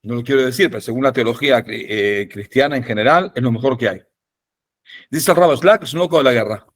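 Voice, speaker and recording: A man's voice: medium pitch, fast talker. A man teaching a rabbinic class over a video call, speaking informally with jokes and often checking in with "ok?". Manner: animated, asks "ok?" to check understanding. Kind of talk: informal lecture with humor. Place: home or office in Jerusalem.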